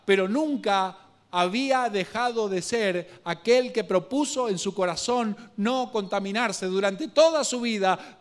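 A male preacher with a Guatemalan Spanish accent delivers a sermon in a somewhat high voice. He tells the story with local slang and humor. He drops to a quiet, slow reading, then rises to louder, quicker bursts.

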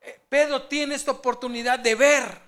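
A preacher with a high-pitched, bright and sharp voice addresses the congregation at a moderate pace. His sermon story is lively, with quoted lines performed in abrupt, vivid leaps.

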